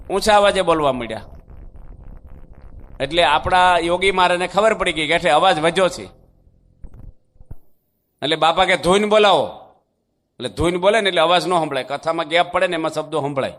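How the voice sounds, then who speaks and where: A man's voice: on the high side, a bit bright. A man, a monk preacher, giving a devotional sermon in a folksy, conversational storytelling manner with rhetorical questions.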